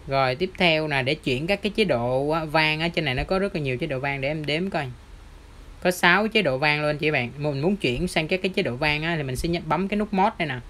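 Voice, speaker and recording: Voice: medium pitch, brisk, a bit bright. Chatty Southern Vietnamese gear demonstrator. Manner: chatty, step-by-step, constant pointing words. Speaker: audio shop presenter. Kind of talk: product demo tutorial.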